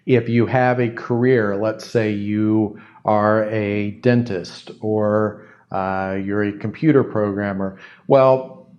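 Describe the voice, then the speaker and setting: A man's voice: fairly low pitch, fairly even intonation, takes it slowly, muffled recording. A man hosting a solo podcast, answering a listener's question in a thoughtful, reflective way and often repeating words as he thinks. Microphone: studio microphone close to the mouth.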